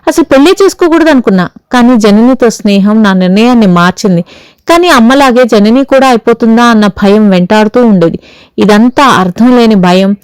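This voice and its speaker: A woman's voice: a little high, clean tone, no room sound, close to an everyday voice, low-quality recording. A woman voicing a troubled young husband as he earnestly confesses an old fear.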